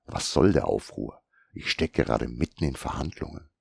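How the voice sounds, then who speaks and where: A man voicing a gruff, shrewd old male bookseller who grumbles and lectures, in an audiobook. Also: a bass voice, animated, normal speed, no room sound, clean studio sound, exaggerated voice. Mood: lecturing. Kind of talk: audiobook character reading.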